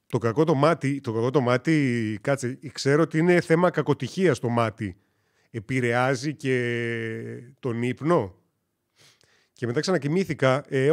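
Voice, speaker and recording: Streaming games, a man from Greece talks in a relaxed way at medium pitch, telling meandering stories full of jokes and frequent self-corrections.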